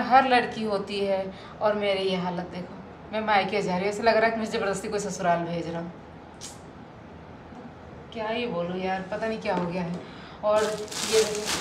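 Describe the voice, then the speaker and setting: A woman's voice: medium pitch, reverberant, background noise. A woman from Faridabad, India, vlogging at home as she packs, chatting straight to her viewers with lots of fillers. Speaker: family vlogger. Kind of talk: casual vlog chat to viewers. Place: at home, packing indoors.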